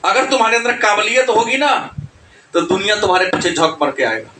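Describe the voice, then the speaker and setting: A male teacher giving an animated classroom lecture, scolding students and laughing between points. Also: sits high, a little fast, echoey room, distant mic, poor audio. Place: coaching classroom.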